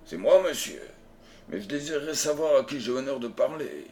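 A man's voice: mid-range voice, animated, normal speed, darkish tone, a little hiss or hum, lightly acted. A man voicing an unruffled, ironic detective in an audiobook, speaking in a honeyed, mocking tone. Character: calm, ironic male detective. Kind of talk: audiobook character reading.

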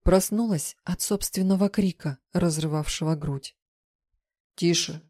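A woman's voice: sits low, fairly even intonation, moderate pace, dark tone, dry recording, clean studio sound. A woman narrating a first-person fiction audiobook with tense, vivid storytelling.

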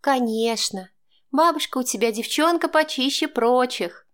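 A fretful, caring grandmother who scolds her grown son one moment and pleads with him the next, put on by a woman reading aloud. The voice sits a little higher than the reader's plain narration, and the delivery is emotional and motherly. It has the feel of an audiobook. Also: a little slow, lightly acted. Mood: tender. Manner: anxious, scolding, then tender. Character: older woman, worried caring grandmother, tearful.

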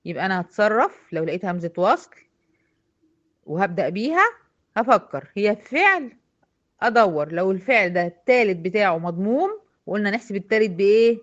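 A woman's voice: medium pitch, animated, fairly quick, muffled recording. A woman with an Egyptian accent teaching a recitation lesson, patiently quizzing her female students step by step. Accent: Egyptian Arabic.

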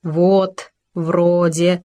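A woman's voice: fairly low pitch, level tone, drawn-out words, dark tone. A woman voicing a clever, bossy male hamster who keeps lecturing his friend in an insistent, teasing way.

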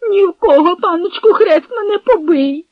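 A reader voicing a frightened, scrawny man caught spying, pleading in a high, trembling whimper, in an audiobook. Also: moderate pace, no room sound. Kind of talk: audiobook reading with character voices. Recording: dry, dull lo-fi recording.

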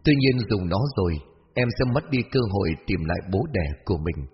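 A man voicing a gentle, mysterious young stranger in a storybook, speaking softly and tenderly. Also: lowish voice, moderate pace, big-room sound, muffled recording, a little hiss or hum, natural voice. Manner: soft, hushed and tender. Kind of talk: storybook narration.

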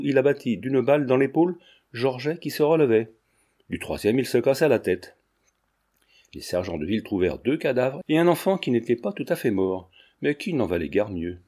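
A man narrating a novel in a measured, steady reading voice. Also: mid-range voice. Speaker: audiobook narrator.

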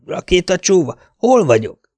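A man's voice: high-pitched, big pitch swings, darkish tone, dry recording, pitched above the performer's own voice. A man voicing a sneering gangster sidekick, Fante. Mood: dazed. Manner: sneering, threatening. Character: mocking male gangster thug partner. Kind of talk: audiobook character voice.

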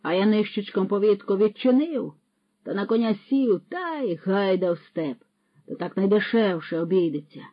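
A narrator voicing a pompous male horse thief who lectures loudly and scatters Latin words, on a dull, dry recording. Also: medium pitch, animated, normal speed, dry recording, natural voice. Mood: lecturing. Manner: lecturing, scolding, loud.

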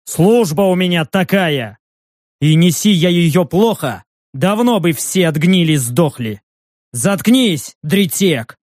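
A man's voice: sits high, expressive, slow, a little mellow, no room sound, studio quality. A man voicing a proud, blustering male patrol leader who argues indignantly in an audiobook.

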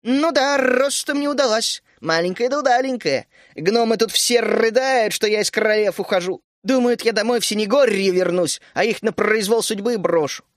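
A man voicing a small, cheerful, bossy female gnome queen in an audiobook who talks in brisk, loud, mocking exclamations. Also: sits high, no room sound, studio quality, pitched above the performer's own voice, lightly acted. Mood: merry.

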